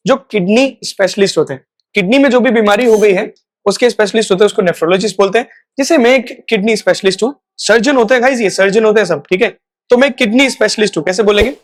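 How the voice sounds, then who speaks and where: A man teaching a spoken English lesson. He repeats each example phrase, stretches it out slowly, and checks in often with "right?". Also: sits high. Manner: slow, drawn-out model phrases; repeats words for practice.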